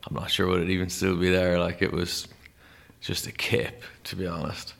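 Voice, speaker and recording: An Irish musician in his thirties spins a long anecdote. His voice sits low and gravelly, and he rambles along with plenty of filler. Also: normal speed. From Ireland. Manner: rambling, animated storyteller with many "like"s. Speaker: guest, musician. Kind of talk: casual storytelling interview.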